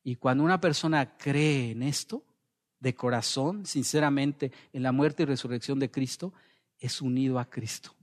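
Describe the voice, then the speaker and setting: A man preaching a sermon as pastor, building to impassioned peaks and dropping to soft, slow quotations. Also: mid-range voice, long reverb tail.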